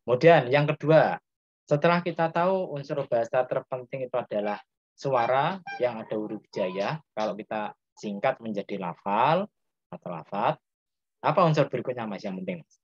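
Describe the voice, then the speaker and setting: A man's voice: medium pitch, moderate pace, slightly rough, no echo, muffled recording. A man with a Javanese accent teaching a class and quizzing his students as he explains. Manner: asks students questions, explains step by step. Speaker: Islamic grammar teacher. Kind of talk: interactive classroom lesson.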